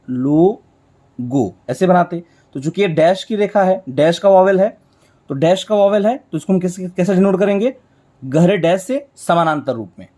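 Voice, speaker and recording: This shorthand teacher has a high-pitched man's voice with a dark tone. Giving a step-by-step whiteboard lesson, he explains slowly, repeats each stroke, and asks and answers his own questions.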